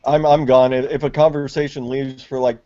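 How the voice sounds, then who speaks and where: A man's voice: medium pitch, little pitch movement, normal speed, noisy background. A man in casual chat, speaking in a laid-back, blunt and crude way. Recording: dull, lo-fi voice chat.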